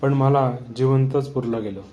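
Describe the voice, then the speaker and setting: A man voicing the sad ghost of a wronged village woman, speaking quietly and sorrowfully. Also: medium pitch, steady tone, moderate pace, slight background noise, lightly acted.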